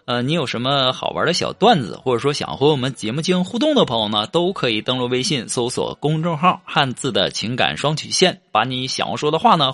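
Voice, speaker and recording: A man, hosting a joke show and telling funny stories. He swings between quiet asides and loud punchlines. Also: medium pitch. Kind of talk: comedic joke storytelling.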